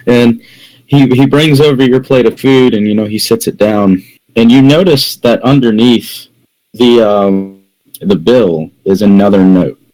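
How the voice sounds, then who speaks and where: A man's voice: medium pitch, a little slow, darkish tone, rough recording. Guy running a tabletop game, rambly, keeps restarting his sentences. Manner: rambling, many fillers and restarts. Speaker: game master.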